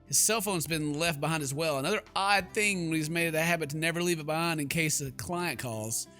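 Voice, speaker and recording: A gaming YouTuber and let's player narrates his gameplay in a fairly high, brisk, pushed and bright voice over soft background music. His commentary is casual, playful, sarcastic, joking, and full of exclamations.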